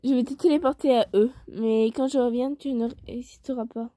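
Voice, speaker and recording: A woman's voice: fairly high pitch, steady tone, normal speed, warm tone, no echo, studio quality, close to an everyday voice. A woman voicing a cold possessive demon lord.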